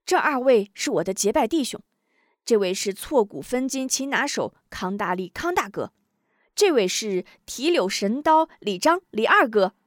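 A woman's voice: a little high, expressive, moderate pace, no room sound, clean studio sound, natural voice. A woman reading the lines of an earnest young male swordsman in a martial-arts audiobook, in an emphatic, raised delivery. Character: young male hero, earnest sworn brother.

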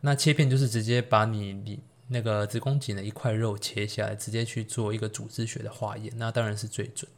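A man's voice: on the low side, fairly even intonation, fairly quick, few pauses. A man with a Taiwanese Mandarin accent, a doctor hosting a solo health podcast, explaining medical topics in a casual, chatty way with playful jokes and asides. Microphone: solo podcast recording.

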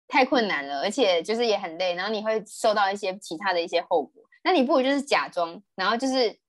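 A woman in her late twenties with a Taiwanese Mandarin accent, co-hosting a casual podcast chat, chatty and quick to laugh, often restarting her sentences. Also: mid-range voice, expressive. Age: late 20s. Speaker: podcast co-host.

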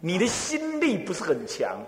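Taiwanese monk preaching, voice swinging all over, chuckling, big echoey hall. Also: male voice, sits high, normal speed. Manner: lively storytelling, rhetorical questions, chuckles. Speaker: abbot, Buddhist teacher. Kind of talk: Buddhist dharma talk.

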